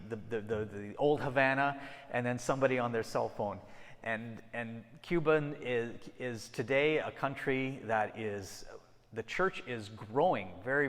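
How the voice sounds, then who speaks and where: A medium-pitched, fairly bright male voice belongs to a middle-aged missionary from Ecuador and Peru, the guest speaker at a church. He delivers a chatty mission talk to the congregation, often beginning his sentences again. Long hall reverb fills the sanctuary recording.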